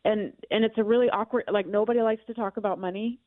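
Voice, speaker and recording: A woman comes through a speakerphone on a radio call, her voice thin and phone-like. She sits at an ordinary middle pitch and speaks with reluctance and unease, circling an awkward subject. The sound is dry and close, with no room around it. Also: steady tone, fast, dry recording. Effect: heard over speakerphone. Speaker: called friend on a radio show. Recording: tinny phone line.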